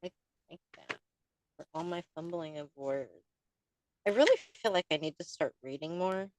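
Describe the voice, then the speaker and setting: A woman's voice: fairly low pitch, normal speed, slight background noise. A woman co-hosting a podcast in casual chat, reading oracle card text aloud, stumbling over words and laughing often. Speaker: podcast co-host.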